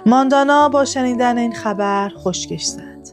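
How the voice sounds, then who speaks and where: A woman narrating a serialized historical story, reading calmly and evenly with clear expression. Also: on the high side, over music.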